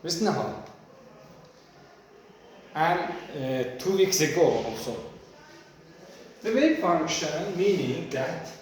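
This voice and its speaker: Homem professor falando devagar, sala com eco. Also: male voice, fairly high pitch, expressive, distant mic, a little hiss or hum. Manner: slow, questioning, repeats key words. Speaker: physics teacher. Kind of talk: classroom lecture. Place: echoey classroom. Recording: very echoey room.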